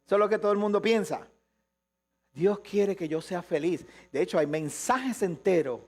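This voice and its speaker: Casting: male pastor, high voice, live sermon, quick asides then slow emphasis. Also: animated, darkish tone. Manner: questions the congregation, shifts between quick asides and slow emphasis.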